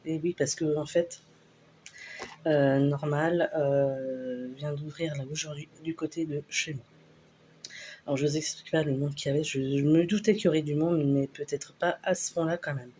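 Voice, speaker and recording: A woman casually talking through a shopping haul, unhurried and hesitant with lots of fillers. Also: deep voice, steady tone, mellow, a little hiss or hum. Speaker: vlogger showing a store haul. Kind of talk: casual haul video chat.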